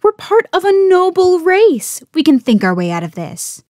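Picture a bubbly, upbeat young troll girl in an audio drama, as a woman voices her. Her voice sits extremely high and leaps all over its range. It sounds close and dry. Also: big pitch swings, normal speed, darkish tone, no room sound. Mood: chipper. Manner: chipper, bubbly. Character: chipper young female sea troll, upbeat.

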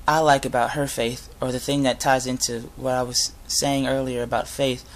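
A man's voice: medium pitch, flat delivery, moderate pace. Young man giving an informal sermon. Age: young adult. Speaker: inspirational speaker giving a Bible talk. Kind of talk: informal sermon with scripture reading. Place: inside a garage. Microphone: device camera at close range.

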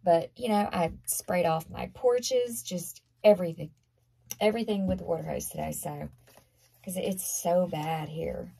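A hoarse woman with a Southern US accent gives a casual tarot reading, chatty and emphatic, often repeating herself. Her voice is gravelly and very husky, with a dark, mellow tone. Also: on the low side, a little slow. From Southern United States. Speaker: tarot reader.

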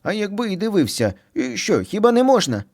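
A man's voice: sits high, very animated, brisk, darkish tone, pitched above the performer's own voice. A man voicing two squabbling little boy bunny brothers in a storybook reading, whiny and bickering.

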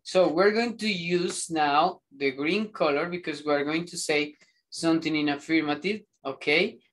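A man teaching an English class, explaining slowly and rambling with many fillers and restarts. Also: fairly high pitch, a bit bright.

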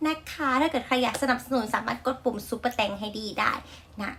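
A woman's voice: a little high, fairly quick, a bit bright, slight background noise. A young woman with a Thai accent hosting a casual reaction vlog, chatty and gushing, with many fillers and polite endings. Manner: polite feminine sentence endings. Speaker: reaction video host.

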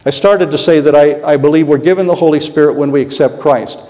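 Earnest middle-aged pastor in reverberant church. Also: male voice, a little high, steady tone, fast talker, mellow. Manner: earnest, heartfelt, repeats key phrases. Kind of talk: sermon. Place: church sanctuary. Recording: long reverb of a church hall.

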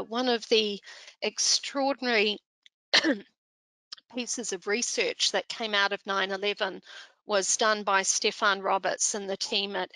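An older woman with a New Zealand Kiwi accent, giving a measured, explanatory presentation into a headset on a video call. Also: mid-range voice, bright, forceful tone, no echo, rough recording. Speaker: speaker on disaster chaplaincy. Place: indoor room.

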